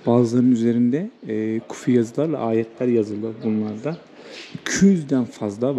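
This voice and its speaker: A travel vlogger with a fairly low, dark voice wanders outdoors through an old walled town. He hosts casually and without a script, musing conversationally while city ambience and background noise play around him.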